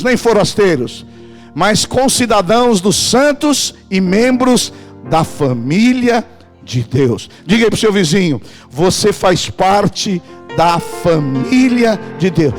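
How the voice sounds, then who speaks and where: A man's voice: sits high, big pitch swings, slow, soft background music. A man preaching a sermon, emphatic and calling on the congregation to answer back, at a church. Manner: emphatic, calls the congregation to respond. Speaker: pastor. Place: church in Portugal.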